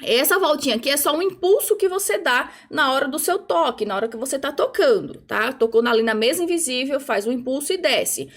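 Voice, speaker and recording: High-voiced woman teaching music rhythm. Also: expressive, a little fast, hardly any pauses, fairly bright tone. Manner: patient explaining, frequent "ó" and "tá?" checks; chants rhythm syllables while conducting. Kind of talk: online music theory lesson.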